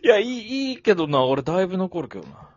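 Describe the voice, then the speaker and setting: A man co-hosting a casual talk podcast, easygoing and quick to laugh. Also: high-pitched, sing-song, no room sound. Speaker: co-host. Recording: slightly muffled lo-fi audio.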